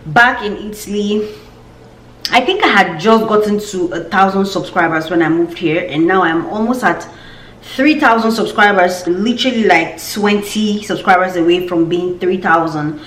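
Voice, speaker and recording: A woman's voice: lowish voice, normal speed, fairly bright tone, roomy sound, a little hiss or hum. A young woman with a Nigerian accent, chatting casually in a vlog update and repeating words for emphasis. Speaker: vlogger.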